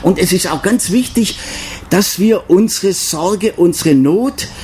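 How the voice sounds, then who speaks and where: An older man giving a devotional talk as a preacher, earnest, slowing down to stress key phrases. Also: high voice, animated, warm tone, a little hiss or hum. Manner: earnest, with slow emphatic stresses.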